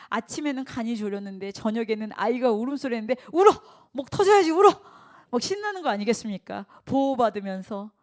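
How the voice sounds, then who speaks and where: A woman pastor preaching a Sunday sermon, putting rhetorical questions to the congregation and acting out quoted speech. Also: on the high side. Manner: acts out quoted speech in lively voices.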